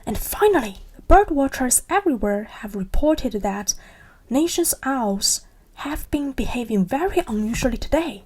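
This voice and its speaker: A woman voicing a calm male TV newsreader, formal and even, in a soft ASMR storybook reading. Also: sits high, moderate pace, breathy edge, heavily acted.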